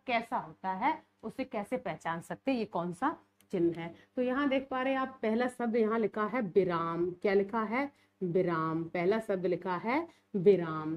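A woman teacher giving an exam-prep lecture, often repeating key words back to her students as questions. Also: mid-range voice.

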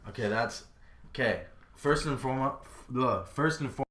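A man's voice: mid-range voice, normal speed, faint music behind. A man hosting a casual podcast, steering the talk with questions and opinions. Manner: steady, leads the discussion with questions. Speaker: podcast host. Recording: roomy echo.

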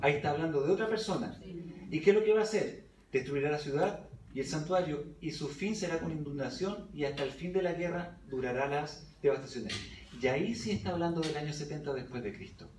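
A man's voice: fairly high pitch, lively intonation, a little fast, a little mellow, slight background noise. A man preaching a Bible study sermon in church, reading scripture aloud and questioning the congregation. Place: church hall. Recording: echoey church recording from a distance.

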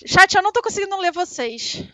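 A woman co-hosting a casual gameplay livestream, chatting quickly with her partner and the chat. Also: extremely high pitch, expressive, sharp tone, dry recording. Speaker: streamer, co-host.

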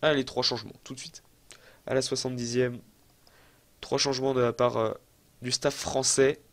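A young man who makes gaming videos on YouTube gives a casual let's-play of a football management game. He speaks at normal speed in a mid-range voice, thinking aloud in an excitable, chatty and self-deprecating way.

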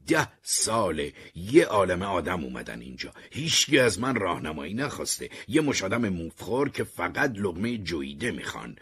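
A man reading as a scheming jailed criminal who lectures and presses without pause. The voice is low and deeply husky. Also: a bit bright, heavily acted. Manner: lecturing, pushy.

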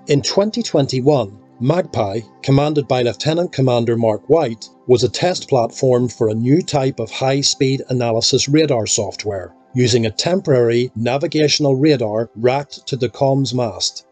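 A man narrates a technical documentary in a calm, measured delivery. His voice has a slightly husky edge at an ordinary middle pitch. Soft music runs faintly beneath the voice-over.

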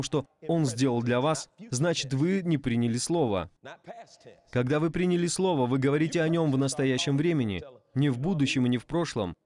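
A man's voice: on the high side, darkish tone. A man voicing a preacher's sermon in a dub, repeating phrases and asking the audience rhetorical questions. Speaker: voice-over translator of a preacher. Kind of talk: dubbed sermon.

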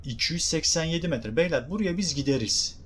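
A young man with a Turkish accent doing excitable, jokey game commentary and talking to his viewers. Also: fairly high pitch, fairly quick, a little hiss or hum. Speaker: gaming streamer.

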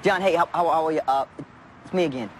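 A man's voice: a little high, a little hiss or hum, lightly acted. A man playing a proud, desperate man down on his luck. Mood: frustrated. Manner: halting, defensive, stammering.

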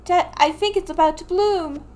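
A woman voicing an eager young farmer's daughter who exclaims excitedly. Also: very high-pitched, normal speed, pitched above the performer's own voice.

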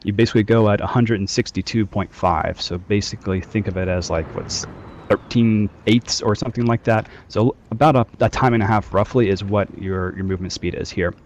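Heard through group voice chat, this man's brisk, low-leaning voice comes across dull, with a touch of hiss or hum. He's a squad trainer leading a game practice, giving casual directions full of fillers.

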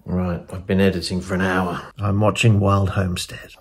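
A man's voice: deep voice, little pitch movement, normal speed. A man in his forties with a London accent, vlogging casually from his home, rambling and self-deprecating as he films himself on a phone at arm's length. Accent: British English (London). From England. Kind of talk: casual self-filmed vlog. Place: home rooms, indoors. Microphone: phone camera at arm's length.

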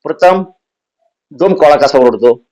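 A retired soldier from Sangli district, Maharashtra, gives earnest interview answers in a slightly high, expressive voice at a measured pace, mellow in quality over a rough recording. He often repeats and restarts phrases, and his voice rises when he stresses points.

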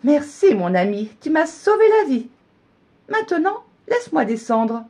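A woman voicing a cocky, mischievous little gingerbread man in a storybook reading, with a shrill, sing-song taunting chant. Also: very animated, measured pace, a little mellow, full character voice. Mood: grateful.

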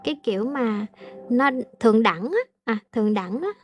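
A woman English teacher, translating aloud slowly in a casual lesson with frequent hesitations. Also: a little high, lively intonation, faint music behind.

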